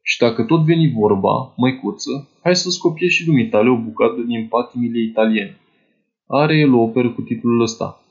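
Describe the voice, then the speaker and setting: A man's voice: mid-range voice, muffled recording, close to an everyday voice. A man playing a poor, fussy older clerk who confides in a young woman in a chatty, doting way. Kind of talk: dramatized literary monologue.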